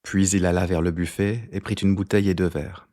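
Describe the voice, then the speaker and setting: Male audiobook narrator, very low voice, measured literary first-person reading. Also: steady tone, mellow.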